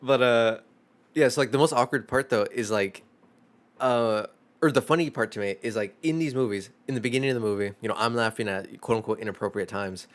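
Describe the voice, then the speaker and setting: A man's voice: fairly low pitch, fairly quick. A young man streaming live, chatting casually in a rambling, profane way full of fillers.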